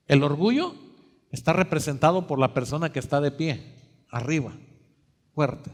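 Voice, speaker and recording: A male preacher with a high voice delivers a dramatic sermon. He fires rhetorical questions at the congregation and swings between hushed and loud. His voice rings with the long reverb of a church sanctuary. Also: normal speed.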